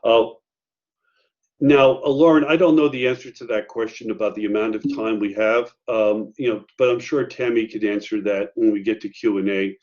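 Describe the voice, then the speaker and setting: A man's voice: lowish voice, steady tone, normal speed, a little mellow. A man presenting an online training workshop for teachers in a conversational way, with many fillers and asides. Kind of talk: online faculty training talk. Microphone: video call. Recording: muffled video-call audio.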